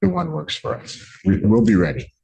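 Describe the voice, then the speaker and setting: A man's voice: on the low side, big pitch swings, normal speed, gravelly, mellow, breathy edge. A man speaking as a public defender, formally addressing the court.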